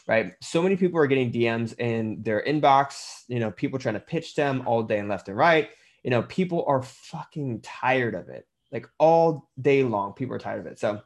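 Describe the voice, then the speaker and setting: A man coaching personal trainers on their business in a blunt, conversational way, with the odd swear word. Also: mid-range voice. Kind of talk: casual instructional talk.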